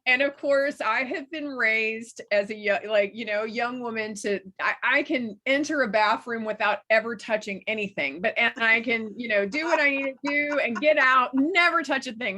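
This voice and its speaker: A woman from West Texas, an author guest telling an anecdote in an animated way, laughing as she goes. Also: fairly high pitch, normal speed, hardly any pauses. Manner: lively, animated storyteller who laughs while telling. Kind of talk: anecdotal storytelling in an interview.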